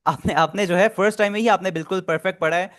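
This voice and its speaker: A man's voice: high voice, fairly even intonation, quick pace, fairly bright tone. A man teaching an online language class, patiently repeating and explaining pronunciation step by step.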